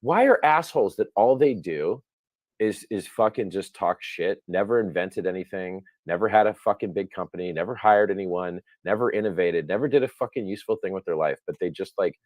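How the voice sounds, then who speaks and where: A man's voice: low voice, brisk, a little mellow, no echo. A man ranting in a brash, profane way during a casual group call on a livestream, mocking others in put-on voices. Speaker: crypto project founder on a livestream.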